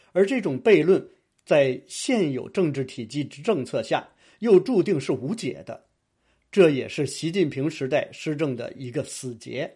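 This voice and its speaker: A man giving a formal, measured reading of a scripted book review. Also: medium pitch, mellow, breathy edge. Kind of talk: scripted narration.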